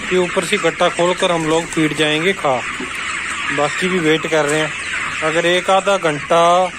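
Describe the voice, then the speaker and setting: Filming on his phone as he walks his farm in India, a poultry farmer with a Rajasthani Hindi accent chats with viewers, constantly addressing them and pointing things out. His voice is a little high, steady and a little slow. Chickens and birds cluck amid faint outdoor noise.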